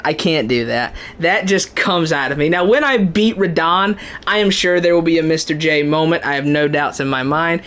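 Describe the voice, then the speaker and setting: A man's voice: on the high side, a bit bright. A young man from the American South chatting casually with his stream while playing a game, joking around as he talks. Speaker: gaming streamer. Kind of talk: casual gameplay commentary.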